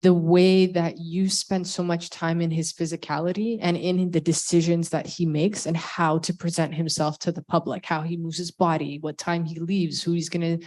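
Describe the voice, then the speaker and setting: A woman's voice: fairly low pitch, flat delivery, moderate pace, hardly any pauses, darkish tone. A woman interviewing a novelist in a salon conversation, phrasing her questions loosely with many asides.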